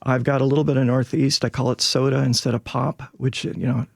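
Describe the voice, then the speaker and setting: Creaky Northern American man explaining. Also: medium pitch, little pitch movement, brisk, no echo, clean studio sound. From northern United States. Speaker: linguist guest. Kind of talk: explanatory panel talk.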